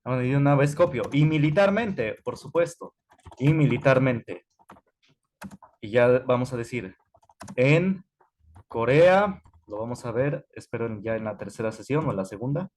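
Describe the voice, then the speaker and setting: A man's voice: medium pitch, normal speed, a little mellow, slight background noise. A male history teacher, lecturing an online class in a conversational way, with many fillers and self-corrections. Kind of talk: online class lecture while typing notes.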